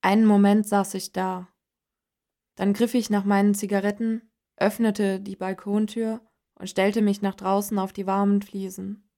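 Audiobook: woman narrator, very slow, measured, mid-pitched. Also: flat delivery, mellow. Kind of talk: scripted first-person narration.

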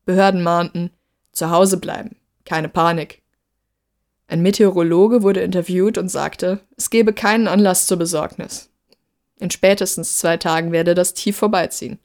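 A woman narrating a story in a steady, measured reading voice. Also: on the low side.

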